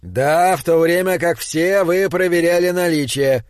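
A man voicing an exasperated male spaceship captain in an audiobook, impatient and given to shouting. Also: fairly high pitch, measured pace, no room sound, studio quality, lightly acted. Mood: probing. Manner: impatient, shouting when pressed.

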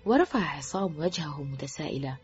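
A woman narrating an audiobook of a novel in a lively, expressive reading. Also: deep voice, fairly quick, breathy edge. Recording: dull lo-fi with faint music.

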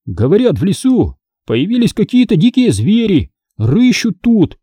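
A clowning teenage boy whines and jokes around in a playful way, as a male narrator puts him on. The voice is raised high and very lively in pitch. It has a dark, husky tone and a dry, close sound. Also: a little slow, no echo, full character voice. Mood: eerie. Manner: whining, playful. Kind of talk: audiobook character voice.

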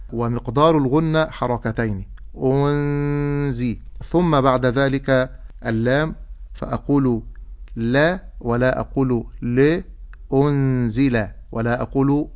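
Arabic man teaching Quran recitation. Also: medium pitch. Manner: explains slowly, then recites words drawn out. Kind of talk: tajweed lesson with recited examples.

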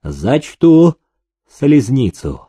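A male reader voicing an excitable, gleeful rich old factory owner who shouts and eggs on a fight, in a storybook reading. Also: medium pitch, breathy edge, no echo, studio quality, full character voice. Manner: shouting, egging on, drawn-out delivery.

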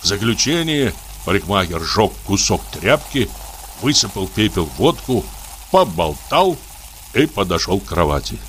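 A man reading a literary story aloud in an expressive, measured manner. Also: on the low side, a little hiss or hum. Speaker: audiobook narrator.

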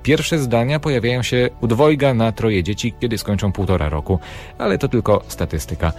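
A man narrating a scripted radio feature in a wry, measured way. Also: mid-range voice, a little mellow, soft background music. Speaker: radio reporter.

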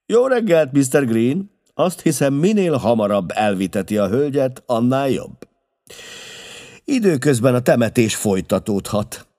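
A man voicing a restless, brilliant male detective who barks urgent orders, pitched higher and louder than his own reading voice. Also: wildly swooping pitch, no echo, studio quality, full character voice. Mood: dry, brisk.

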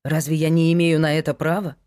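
A young fiancé in an audiobook, eager at heart and quickly thrown into confusion, as a woman narrator reads him. The voice sits a bit low and stays close to plain speech. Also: flat delivery, darkish tone, close to an everyday voice. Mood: pleading. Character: young man, eager then anxious fiancé.

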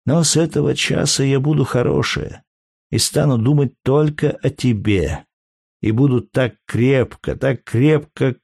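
A man's voice: medium pitch, gravelly, no room sound, studio quality. A man reading an audiobook, voicing a grieving young Roman mother who speaks tearfully and tenderly. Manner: tearful, pleading, softly emotional.

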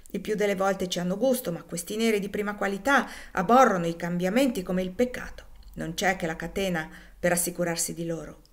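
A woman voicing a callous, businesslike male slave trader, brisk and matter-of-fact. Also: mid-range voice, lightly acted.

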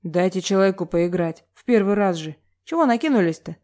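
A woman's voice: mid-range voice, lively intonation, fairly quick, dark tone, lightly acted. A woman voicing a shy young male student who sounds flustered and defensive.

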